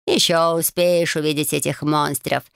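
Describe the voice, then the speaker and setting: A cheeky, grumbling male talking cat from a storybook, put on by a woman reader. His voice sits low and gravelly, yet smooth and resonant underneath, and he bosses everyone about in a dry, close recording. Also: steady tone, normal speed, dry recording. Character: grumpy sharp-tongued male talking cat.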